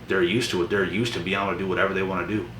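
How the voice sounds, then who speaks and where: A man's voice: low voice, steady tone, racing. A young man giving a blunt, preachy motivational monologue to camera. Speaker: motivational vlogger. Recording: echoey room from a distance with noise.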